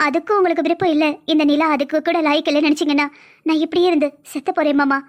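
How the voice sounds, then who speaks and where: A woman's voice: high voice, steady tone, racing, close to an everyday voice. A woman playing a lovesick, pleading young woman. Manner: pleading, emotional. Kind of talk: cartoon voice acting.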